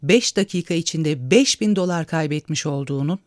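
A man reading a story aloud and voicing a sharp-tongued, imperious rich old woman who scolds and commands. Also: a little high, fairly quick, dry recording, clean studio sound, close to an everyday voice. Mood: commanding.

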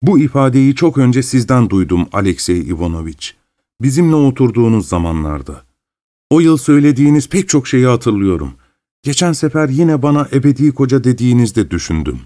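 A man narrating an audiobook voices a fawning, pleading middle-aged husband, speaking softly and ingratiatingly. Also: medium pitch, big pitch swings, fairly quick, no room sound, studio quality, voice pushed up, close to an everyday voice. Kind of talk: audiobook character reading.

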